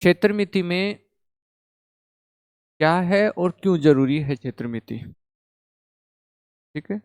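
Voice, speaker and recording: Man lecturing a class, smooth and dry. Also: sits high, unhurried, no room sound. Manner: animated, repeats "ठीक है?" to check the class. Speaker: math teacher. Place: classroom with students.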